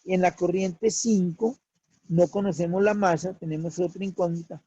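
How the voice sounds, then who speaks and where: A man teaching a worked problem as a lecture, slow and deliberate, repeating key figures. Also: high-pitched, steady tone, dark tone, no echo, muffled recording.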